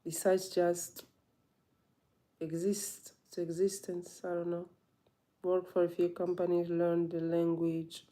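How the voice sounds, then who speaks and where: Female yoga vlogger, warm dark tone, reflective and searching, casual live chat. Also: fairly low pitch, completely flat delivery. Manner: thoughtful, halting, searching for words. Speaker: yoga teacher.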